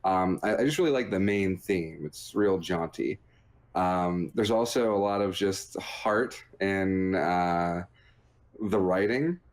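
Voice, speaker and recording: Here a man speaks slowly in a low-pitched voice, co-hosting a gaming podcast where he reviews video games. The chat is casual, and his delivery is jokey and rambling.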